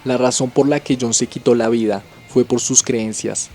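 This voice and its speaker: Male channel narrator, measured and steady, low-key dark timbre, scripted storytelling read. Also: slight background noise.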